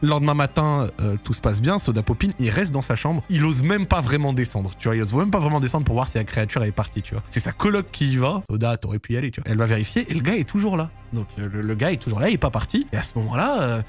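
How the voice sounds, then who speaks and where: A man's voice: medium pitch, very animated, fast, hardly any pauses, faint music behind. A young man casually telling a strange story to his viewers, rambling and full of slang and fillers. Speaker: YouTube storyteller.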